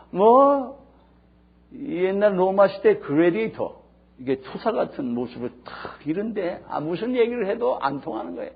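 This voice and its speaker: Male pastor, high raspy voice with gravelly fry, emphatic sermon storytelling, muffled old recording. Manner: emphatic storytelling, swinging between hushed and loud.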